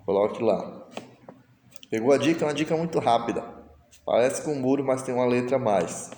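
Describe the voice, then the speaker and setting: A man's voice: medium pitch, fairly quick, warm tone, a little hiss or hum. A male teacher, patiently explaining a lesson step by step and voicing his students' questions himself. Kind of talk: recorded online lesson. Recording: echoey room with long reverb.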